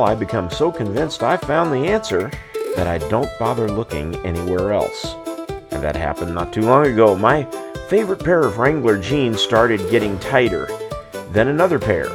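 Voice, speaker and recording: An American man hosting and reciting cowboy poetry in a folksy, wry, plain-spoken storytelling style. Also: on the low side.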